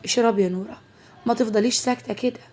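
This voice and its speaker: A woman voicing a calm, firm young man with an Egyptian Arabic accent. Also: on the high side, very fast, slight background noise, close to an everyday voice. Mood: gentle.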